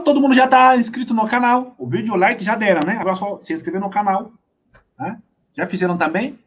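A man with a high voice leads a live online language lesson, drawing each word out slowly and repeating it again and again. He is playful and chuckles often, and he moves between two languages. The audio is dull and lo-fi, like a livestream. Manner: drills words by slow repetition, playful, chuckles often; switches between French and Portuguese. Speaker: French teacher.

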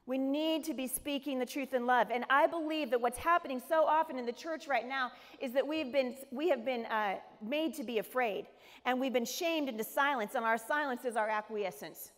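A middle-aged American woman giving a humorous storytelling sermon, acting out the people in her story. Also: sits high. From United States. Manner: animated, humorous storytelling with character voices. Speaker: speaker. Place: large event hall. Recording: echoey hall reverb.

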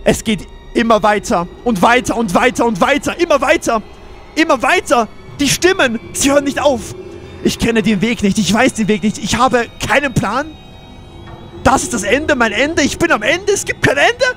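A man's voice: very high voice, lively intonation, moderate pace, a bit bright, faint music behind. A man voicing a despairing man lost in a maze, reading out his diary with broken, repeating, pleading phrases.

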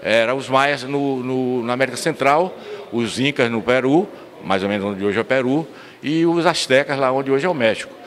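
A man's voice: medium pitch, moderate pace. An older man from Bahia, telling local history earnestly as a guest in a council chamber interview, into a handheld mic. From São Miguel das Matas, Bahia, Brazil. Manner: earnest storyteller, expansive, restarts words. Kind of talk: recorded interview. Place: municipal council chamber, indoors. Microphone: handheld mic held by interviewer.

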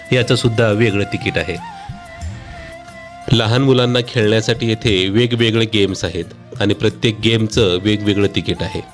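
Brief: low-voiced man, dry deadpan humor, travel vlog narration over soft music. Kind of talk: scripted comic voice-over narration.

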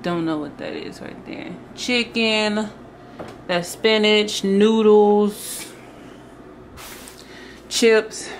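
Tired, slow-talking young woman vlogger. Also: slight background noise. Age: young adult. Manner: relaxed, tired, talks low and soft. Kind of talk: casual vlog narration. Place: home kitchen indoors. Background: background music.

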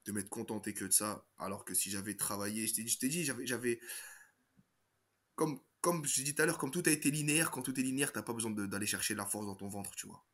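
A man's voice: on the low side, steady tone, quick pace, a bit bright. A middle-aged former footballer from France, speaking in casual chat that halts and repeats words as he searches for them. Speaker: former footballer, podcast regular.

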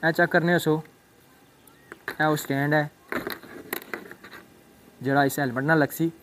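A young man talks viewers through a helmet mount setup, his voice sitting a little high. He rambles and circles back to the same phrases. The recording is made outdoors on a phone, with faint ambient noise behind him. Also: fairly even intonation, a little slow. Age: young adult. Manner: rambling, repeats "thik ai" and "check karne aan". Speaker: motovlogger. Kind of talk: casual unboxing and setup demo. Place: outdoors on a rooftop, then a roadside.

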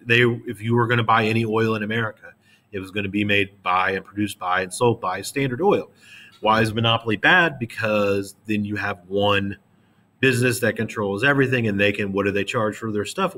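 A man in his late thirties or forties teaching an eighth-grade history class in a casual, conversational way, acting out quick examples. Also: lowish voice, sharp tone. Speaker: middle school history teacher. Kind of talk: classroom lecture.

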